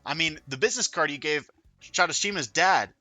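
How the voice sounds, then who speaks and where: A man's voice: fairly high pitch, a little fast, pushed and bright, no echo, soft background music, pitched above the performer's own voice. A man doing a flustered teenage schoolboy. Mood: exasperated. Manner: exasperated, blurting.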